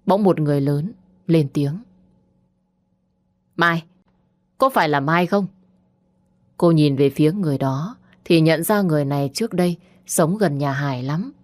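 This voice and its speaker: A woman narrating an audiobook story in calm, measured scripted narration. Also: low voice, no echo, clean studio sound. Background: faint music.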